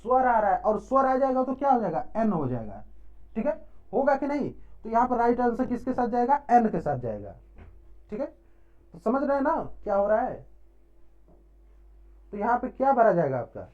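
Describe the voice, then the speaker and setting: Lively, mellow-voiced male grammar teacher. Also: extremely high pitch, moderate pace, long pauses. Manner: asks questions and answers them himself, repeating short check-ins. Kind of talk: classroom-style grammar lesson. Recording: dull lo-fi recording.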